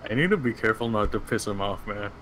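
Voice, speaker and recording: A man co-hosting a game stream in casual chat, blunt and teasing with quick asides. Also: lowish voice, animated, a bit bright, faint music behind, rough recording.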